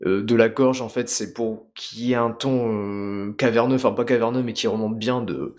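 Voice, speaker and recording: A man from France, a parody creator, chatting casually in an animated, self-mocking way with many hesitations. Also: fairly low pitch, moderate pace. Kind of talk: casual chat.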